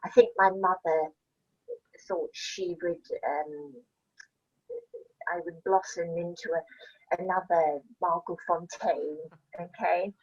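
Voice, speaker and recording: A woman's voice: fairly low pitch, steady tone, takes it slowly, pauses often, husky. Older lady from scotland rambling through stories, laughs a lot, kinda dull muffled sound. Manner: chatty, laughing, rambling anecdotes. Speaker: interview guest, actress. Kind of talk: casual chat.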